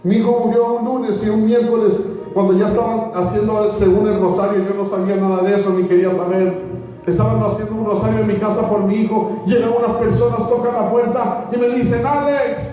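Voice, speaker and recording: A man's voice: high voice, level tone, brisk. A man giving an earnest church testimony to a congregation, repeating his phrases as he speaks straight to them. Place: large church hall. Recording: echoey hall from far off, muffled, music behind.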